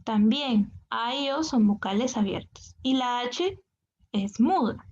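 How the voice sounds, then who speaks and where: A woman's voice: a little high, expressive, takes it slowly, a little mellow. A woman teacher with a Peruvian accent explaining a lesson patiently, checking with "¿no?" after each point. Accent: Peruvian Spanish. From Peru. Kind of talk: explaining grammar to students. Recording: dull lo-fi sound.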